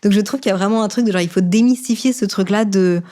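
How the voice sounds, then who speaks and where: A woman's voice: mid-range voice, fast. Enthusiastic woman host from Brussels. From Brussels, Belgium. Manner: lively, enthusiastic, conversational. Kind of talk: casual chat.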